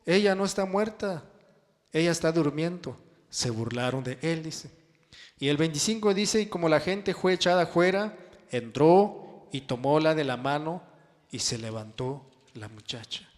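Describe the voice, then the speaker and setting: Slow-preaching man in a reverberant church. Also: on the high side, animated. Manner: drawn-out, emphatic phrasing with sudden soft drops. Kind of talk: sermon with scripture reading. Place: church hall. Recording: long church-hall reverb.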